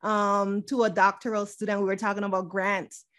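A woman's voice: mid-range voice, level tone, normal speed. Effusive woman podcast host. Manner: warm, effusive, frequent "um" and "so". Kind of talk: podcast interview.

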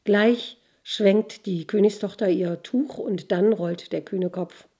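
A woman narrates a fairy tale in an expressive storytelling manner. Her voice is mellow and slightly husky, with a soft, breathy edge. It is a storybook reading. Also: mid-range voice, takes it slowly.

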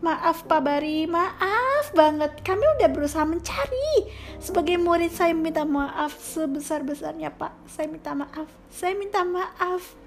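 An earnest, pleading schoolboy, put on by a woman. His voice is high and slowed by apology. Faint music hums behind. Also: lively intonation, heavily acted.

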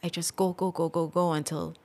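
A young adult woman talks through her story as a podcast guest. Her voice sits low for a woman, and she speaks in a relaxed, reflective way. When feelings rise she eases off with a small laugh. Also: fairly quick. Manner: reflective, gets emotional and laughs it off. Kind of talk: casual interview talk.

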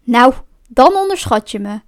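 A woman voicing a big, gullible male bear in a storybook who is mad for honey, eager and pleading, his voice jumping high. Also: very animated, a little slow. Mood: greedy eager.

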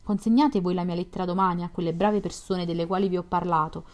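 A woman's voice: on the low side, fairly even intonation, fast talker, a little mellow, lightly acted. A woman voicing a shy, emotional young woman in a classic story, impatient and hopeful as she pleads for help. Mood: pleading.

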